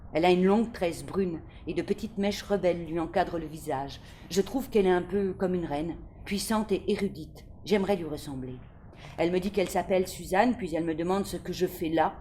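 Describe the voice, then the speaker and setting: An actress giving a dramatic first-person reading of a novel, in an intimate, measured storytelling manner. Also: female voice, lowish voice, darkish tone, slight background noise.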